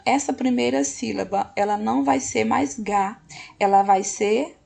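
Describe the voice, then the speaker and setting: Woman teacher, husky and gravelly, patient lesson delivery. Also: mid-range voice, darkish tone. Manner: patient, slow, often checks in with "ok?". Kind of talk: recorded classroom lesson.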